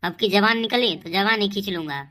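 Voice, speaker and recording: A woman voicing a short-tempered male teacher who threatens the boys in a clipped, gruff way. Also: mid-range voice, a little fast, a bit bright, close to an everyday voice. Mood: threatening.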